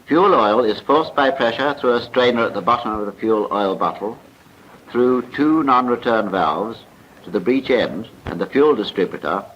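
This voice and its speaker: With a medium-pitched, fairly bright voice and a moderate pace, a British man reads precise, formal narration styled after a 1940s military training film. It is a film voice-over, heard through a muffled, noisy 1940s soundtrack.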